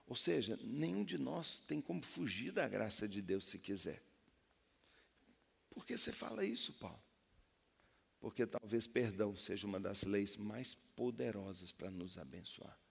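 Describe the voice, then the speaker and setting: A man who is a pastor, preaching an impassioned sermon that swells to loud peaks. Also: fairly low pitch, very animated, a little slow, creaky, husky. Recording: reverberant hall.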